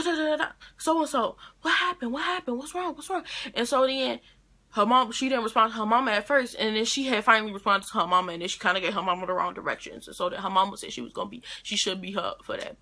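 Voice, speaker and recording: A woman's voice: medium pitch, pushed and bright. A teenage girl, retelling a story to her camera in a rambling, chatty way full of restarts. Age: teens. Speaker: vlogger.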